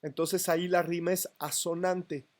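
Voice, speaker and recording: A man's voice: high voice, little pitch movement, normal speed. A man lecturing on poetry to a class, counting syllables aloud and checking that students follow. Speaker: literature teacher. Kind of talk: university lecture.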